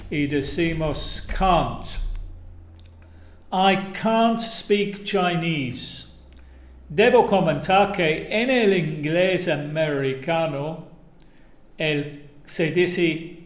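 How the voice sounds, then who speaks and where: An Englishman teaches his native English in careful, unhurried Spanish. He drills each example phrase aloud, one by one, in a slightly high voice. The room around him rings with echo. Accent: English, speaking Spanish as a second language. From England. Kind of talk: live online language lesson.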